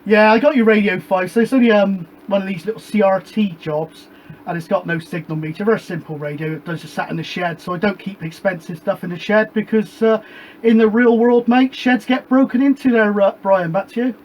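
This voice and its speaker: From a home shed radio room warmed by a gas fire, a chatty British man with a high voice hosts and operates on a CB net, rambling casually and closing each turn with "back to you." He talks fairly quickly with fairly even intonation and a slightly mellow tone. The low-quality recording has slight background noise.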